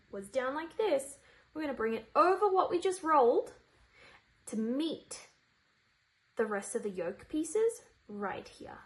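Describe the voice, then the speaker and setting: A woman's voice: fairly high pitch, vocal fry, poor audio. A woman hosting a sewing tutorial, chatting informally and playfully as she talks viewers through each step. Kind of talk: informal step-by-step craft demonstration.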